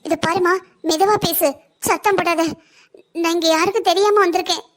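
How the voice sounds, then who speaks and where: Figure: weary trapped woman, cartoon voiced by a woman. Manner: hushed, gentle, resigned. Pitch: very high. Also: fairly even intonation, moderate pace. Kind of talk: cartoon story voice acting.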